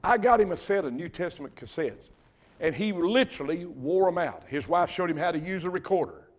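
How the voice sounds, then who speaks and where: An older man preaching a sermon, folksy and emphatic, swinging from loud bursts to hushed asides. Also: on the high side, animated, fairly quick. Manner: folksy, repeats and restarts phrases. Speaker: pastor.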